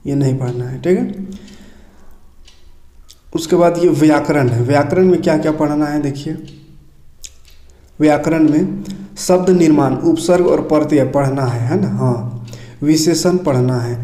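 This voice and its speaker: A man teaching a lesson, his voice set a little high but mellow and warm in tone. He takes each point in turn, stopping often to check that students are following. The recording has the noticeable echo of a bare room. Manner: explains item by item, repeats checks and tags. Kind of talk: casual screen-share lesson walkthrough. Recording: echoey room.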